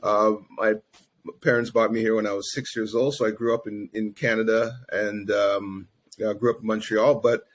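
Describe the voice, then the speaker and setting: Easygoing low-voiced man, full of fillers. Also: level tone, moderate pace. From Grenada. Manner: easygoing, many fillers like "you know" and "um". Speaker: guest, investment firm founder. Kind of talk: casual interview talk.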